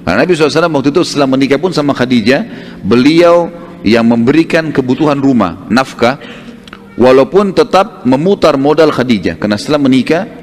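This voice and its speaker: A male preacher retelling a religious story in a conversational lecture style. He keeps adding casual tag phrases and acts out the dialogue. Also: medium pitch. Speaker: Islamic preacher. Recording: long hall reverb.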